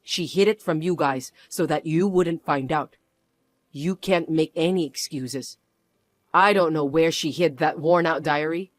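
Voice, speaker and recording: A reader voicing a middle-aged protective mother who speaks low, cold and firm in a scripted audio story. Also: a little slow, no echo.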